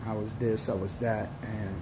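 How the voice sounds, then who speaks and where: A man's voice: lowish voice, flat delivery, noisy background. A man in his forties giving an earnest, slangy motivational talk to his viewers. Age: 40s. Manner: earnest, preachy, slangy and slow. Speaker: vlogger.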